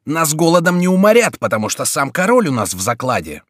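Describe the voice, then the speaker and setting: A man voicing a stout, bold male nobleman who shouts urgently and defiantly. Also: on the high side, sing-song, brisk, dry recording, clean studio sound, pitched above the performer's own voice.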